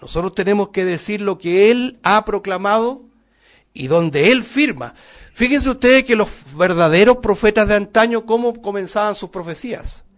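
A man's voice: sits high, moderate pace. A middle-aged male preacher giving a sermon, emphatic and full of rhetorical questions to the congregation.

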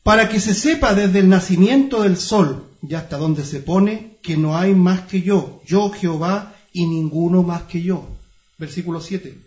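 Male preacher, Bible-study sermon, high voice, slow stressed scripture reading, rhetorical questions, echoey room. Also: a little mellow, muffled recording. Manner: reads scripture slowly, stressing each phrase; addresses listeners as brothers, asks rhetorical questions.

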